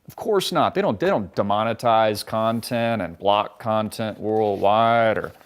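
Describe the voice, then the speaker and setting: An American show host delivers a ranting political monologue, sarcastic, profane and mocking. His lowish voice is clear and resonant, and he speaks a little slowly.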